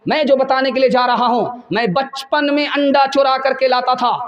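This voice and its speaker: A preacher putting on a condemned young man on the gallows, bitter and defiant, his voice pushed high and strained as he hurls blame at his mother. The sound rings around an echoey hall, and he presses on in anguished reproach. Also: fairly even intonation, highs cut off. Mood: bitter, accusing. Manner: raised, anguished, shouting reproach.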